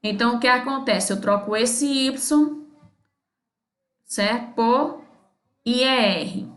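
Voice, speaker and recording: A woman's voice: on the high side, slow, a bit bright. A woman teacher from Brazil explaining a grammar lesson step by step, often checking in with her students. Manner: patient, repeats "certo?" after each step. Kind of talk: recorded English grammar lesson. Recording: echoey room.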